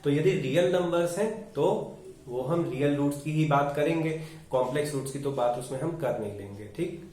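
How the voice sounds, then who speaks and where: An Indian man lecturing a maths class in a slow, measured way, checking in often with "okay" as he walks through each step. His voice sits a little high and reaches the mic from a distance in a very echoey room. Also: warm tone. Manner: explains step by step with frequent 'okay' and 'ठीक है' check-ins. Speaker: maths teacher. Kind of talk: classroom lecture mixing Hindi and English.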